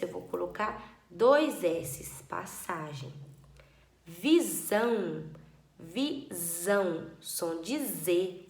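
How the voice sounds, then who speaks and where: Slow patient teacher. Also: female voice, on the low side, a little mellow, reverberant. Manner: slow, patient, stretches out words to spell them. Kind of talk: classroom lesson for children.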